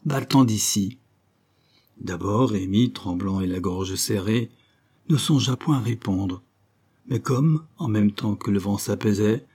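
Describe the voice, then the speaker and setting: Low husky male storyteller. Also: dark tone. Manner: measured, storytelling. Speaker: audiobook narrator. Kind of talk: scripted literary narration.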